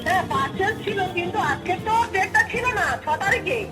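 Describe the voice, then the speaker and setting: On a phone call, a middle-aged woman who is a parcel customer firmly protests in ordinary conversation. Her voice is extremely high, animated and brisk, and loud music plays in the background of the call.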